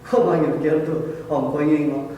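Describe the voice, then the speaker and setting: Pastor guy giving a sermon, high pitched, church hall echo, far from mic. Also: level tone, racing, warm tone, dull audio, a little hiss or hum.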